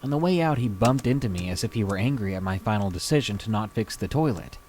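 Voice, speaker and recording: A man reading a scary true story aloud with slow, dramatic pacing. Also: fairly low pitch, expressive, a little mellow, a little hiss or hum. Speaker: story reader.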